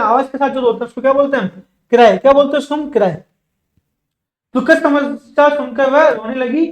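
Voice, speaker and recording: A man teaching spoken English in a classroom, explaining words in Hindi, then saying each English example sentence slowly and carefully, often repeating words and asking the class questions back. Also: extremely high pitch, echoey room, low-quality recording. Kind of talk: bilingual classroom lesson.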